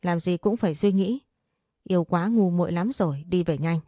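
A woman's voice: fairly low pitch, moderate pace, dark tone, no echo, studio quality, soft background music, lightly acted. A woman voicing a stern, angry middle-aged father scolding his daughter in a story.

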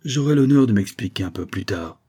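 A sly scheming valet with a low, husky voice, as a male reader puts him on. He drops knowing half-hints and keeps his real thoughts to himself. The tone is dark and mellow. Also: expressive, brisk. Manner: knowing, evasive.

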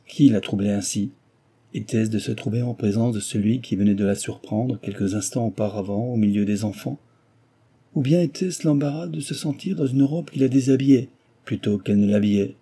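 A male audiobook narrator reading a classic novel in a measured, expressive way. His voice is low and very dark, with a husky, slightly breathy grain. The delivery stays even and storytelling-paced.

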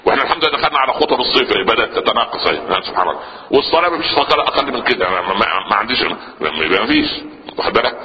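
Fast-talking Egyptian preacher in a hall. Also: male voice, medium pitch, highs cut off. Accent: Egyptian Arabic. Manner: animated, asks the audience questions and answers them himself. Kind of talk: Islamic sermon lesson.

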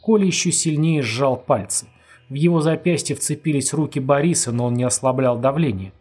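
Husky man narrating an audiobook. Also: mid-range voice, a little fast. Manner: steady dramatic reading. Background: faint music.

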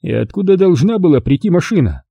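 A man's voice: sits high, very animated, quick pace, vocal fry, husky, dry recording, narrow, tinny audio, voice pushed up, exaggerated voice. A man voicing a cold, calculating army officer who questions curtly in an audiobook. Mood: stern. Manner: curt, stern questioning. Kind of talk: audiobook character voice.

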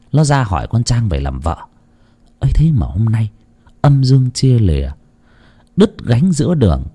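A man narrating a village horror story in an expressive, dramatic way, dropping to hushed lows and rising for emphasis. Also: breathy edge. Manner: expressive, swings between hushed low and raised tones.

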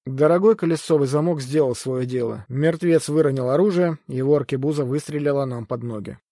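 A man reading first-person adventure fiction aloud as an audiobook narrator, steady and measured. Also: mid-range voice, no room sound, studio quality.

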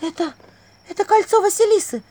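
A jumpy young witch with a high, darting voice that leaps up and down, as a woman reader puts her on. She gasps out her exclamations and keeps slipping into breathless whispers, the storybook heroine on the edge of panic. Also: lively intonation, normal speed, darkish tone. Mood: alarmed.

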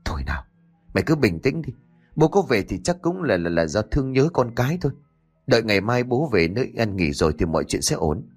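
A man's voice: medium pitch, sing-song, a little fast, husky, soft background music. A man reading the part of a stern, protective older brother who talks bluntly and gives orders. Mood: hushed urging. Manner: blunt, commanding.

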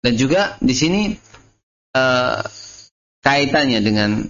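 Speaking slowly and animatedly, this medium-pitched man with a slightly bright voice and Indonesian accent teaches Arabic grammar informally. The religious teacher repeats terms, explains them and addresses students as "Mas" and "antum," captured in muffled, lo-fi class audio.

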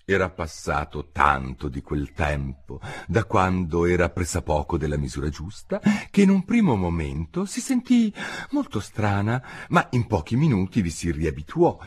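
Male narrator, husky voice, very animated pitch, theatrical storybook reading. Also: normal speed. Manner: expressive, playful storytelling. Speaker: audiobook narrator.

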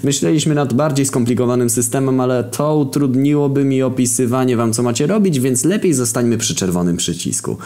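A man's voice: mid-range voice, brisk, hardly any pauses, mellow. A man narrating a crude, mocking comic story, jumping into voices for the characters.

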